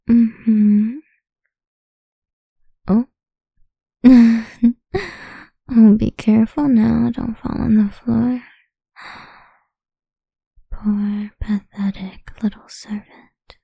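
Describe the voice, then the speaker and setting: Slow breathy whispering woman, taunting. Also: fairly high pitch, no echo, lo-fi sound. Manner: frequent soft laughs and sighs. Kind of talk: whispered audio roleplay. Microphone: close mic.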